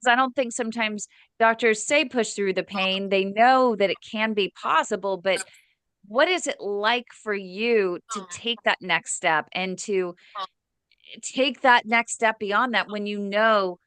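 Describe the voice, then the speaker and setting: Female support group host; clear, smooth voice, dry close sound, gently probing. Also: medium pitch, measured pace, dry recording.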